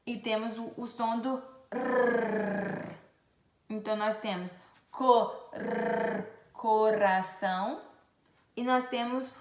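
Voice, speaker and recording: A woman's voice: sits high, roomy sound. A woman from Brazil with a Brazilian accent, teaching letter sounds in a pronunciation lesson and stretching out each example. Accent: Brazilian Portuguese. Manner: slow, drawn-out demonstration of sounds. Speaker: Portuguese teacher.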